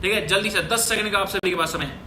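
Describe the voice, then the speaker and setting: An exam coaching teacher with a high, bright, forceful voice runs a live online quiz class in rapid quiz-master patter, firing off questions and praising or teasing students by name. The low-quality recording has slight background noise, and his live stream mic glitches.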